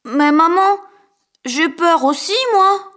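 A man's voice: very high-pitched, slow pace, bright, forceful tone, pitched above the performer's own voice, full character voice. A man voicing a timid little red-haired boy who speaks shyly and hesitantly. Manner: shy, hesitant.

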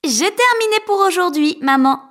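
A man voicing a gentle, helpful older sister in a storybook reading, in a soft high voice. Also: animated, normal speed.

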